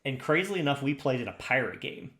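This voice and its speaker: Over a loud crowd, a man with a sing-song, mid-range voice talks fast as he co-hosts a podcast. The room echoes while he chats casually and enthusiastically, rambling and restarting often.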